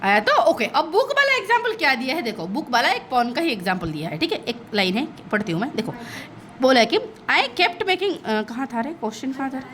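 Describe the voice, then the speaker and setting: A school English teacher with a high, fairly quick voice explains a lesson to her students in an online class, mixing Hindi and English. She's lively, constantly asks "okay?" to check understanding, and laughs at her own slips. There's a little hiss or hum in the audio.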